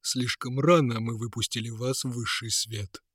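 Мужчина озвучивает волшебный говорящий мешок, спокойного и строгого опекуна. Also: male voice, medium pitch, moderate pace, husky, dry recording, studio quality. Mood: calm. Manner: calm, stern. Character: stern calm magical talking sack, guardian. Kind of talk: audiobook character voice.

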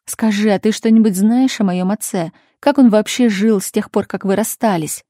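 A woman voicing a patient, insistent grown daughter who speaks calmly and firmly, in a storybook reading. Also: mid-range voice, normal speed, dry recording, clean studio sound, natural voice. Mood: pleading, firm. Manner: calm, patient, pleading.

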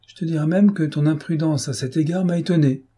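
Guy doing a smug mocking baron villain, higher voice, kinda husky and warm. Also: brisk. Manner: taunting, sneering. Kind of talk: audiobook character voice.

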